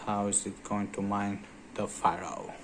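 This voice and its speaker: A man's voice: on the low side, level tone, measured pace, background noise. A man hosting a tech channel, talking casually over his screen with many hesitant filler sounds. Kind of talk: casual screen-recorded commentary.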